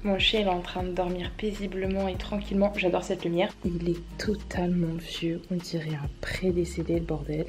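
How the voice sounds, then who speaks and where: A woman's voice: fairly low pitch, flat delivery, moderate pace, hardly any pauses, music in the background. A young woman, chatting casually in a bubbly, playful vlog and dropping English slang. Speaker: vlogger.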